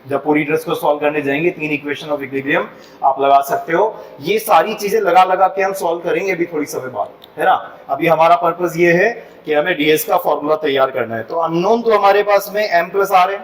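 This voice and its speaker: In a classroom lecture on civil engineering, a man with an Indian accent mixes Hindi and English and often asks the students if they follow. His voice is a little high and a little fast, picked up by a distant mic in a roomy space with some hiss or hum, making for a rough recording.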